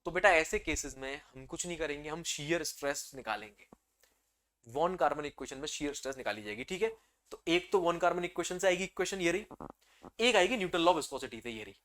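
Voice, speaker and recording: A man teaches an engineering lesson geared toward exams, talking fairly quickly in a voice on the high side. He refers to students as "beta," fields his own questions, and erupts now and then into loud, energetic excitement.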